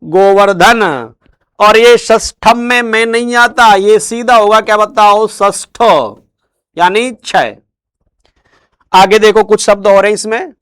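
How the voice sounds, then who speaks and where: A man teaching Hindi spelling, who drills each word by asking questions and answers them himself in slow, drawn-out tones. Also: sits high, little pitch movement, fairly bright tone, clean tone. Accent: Rajasthani Hindi. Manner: drills words with repeated questions, stretches out answers slowly. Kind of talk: spelling lesson.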